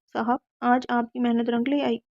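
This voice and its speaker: A woman's voice: on the high side, flat delivery, normal speed, highs cut off, lightly acted. A woman voicing a cautious, respectful male friend in an audiobook novel.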